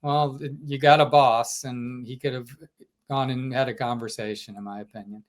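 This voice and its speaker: A man co-hosting a sports podcast, telling stories from a road trip in a casual, animated way. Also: mid-range voice, moderate pace. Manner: storytelling, quotes fans in lively asides. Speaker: podcast co-host, sports reporter.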